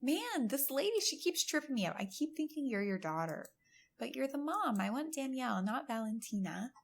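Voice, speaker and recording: A woman's voice: sits high, very animated, moderate pace, creaky. A woman hosting a let's-play, giving chatty, giggly gameplay commentary and laughing often. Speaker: gaming channel host.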